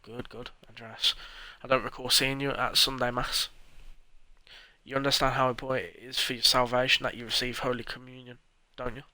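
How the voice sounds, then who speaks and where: A man reading a stern male village priest from a game, speaking slowly and reprovingly. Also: mid-range voice, flat delivery, sharp tone, no room sound, rough recording.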